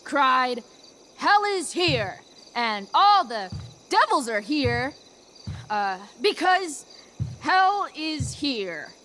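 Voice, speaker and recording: A sardonic, reluctant teenage girl from a video game, with a youthful, fairly high voice. She is blunt and very slow, halting whenever she recites, over faint outdoor insect ambience. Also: big pitch swings, sharp tone, slight background noise, full character voice. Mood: awkward reciting. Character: sarcastic, reluctant rebellious teenage girl thrown onto a stage. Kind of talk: naturalistic video game acting.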